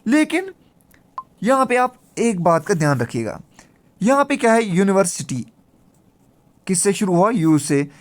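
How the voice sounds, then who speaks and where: A man's voice: high voice, big pitch swings, normal speed, long pauses. A male teacher walks through a grammar lesson on slides. He poses questions to the class and answers them himself, going step by step and repeating the key words. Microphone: screen recording with slides.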